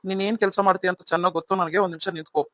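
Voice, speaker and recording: Man playing bossy cartoon husband, fast-talking and stern. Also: sits high, steady tone, fairly bright tone, no echo. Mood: scolding. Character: young husband, stern and impatient. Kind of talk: cartoon voice acting.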